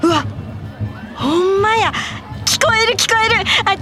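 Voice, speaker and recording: A woman's voice: very high-pitched, a little slow, over music, a crowd in the background. An actress in her forties playing a dreamy woman with a Tokyo accent who muses aloud and wanders off topic in a comic radio drama. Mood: musing. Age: 40s. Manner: musing, easily sidetracked.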